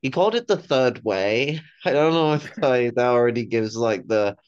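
Speaking over a video call microphone from an indoor room at home, this young adult man offers casual political commentary that's blunt and full of swearing as a panel participant. His medium-pitched voice is animated and clean-toned at a normal speed, though the dry audio sounds dull.

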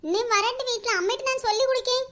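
Brief: cartoon teen sister, scheming tattletale, shrill and bright. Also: female voice, fast. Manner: teasing, scheming. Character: nosy teenage sister, cheeky tattletale.

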